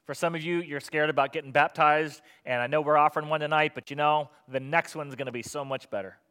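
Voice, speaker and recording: A man's voice: fairly high pitch, steady tone, fast talker, sharp tone, clear, resonant tone. A man preaching a sermon as pastor, earnest and at times sarcastic. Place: church hall. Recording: long hall reverb.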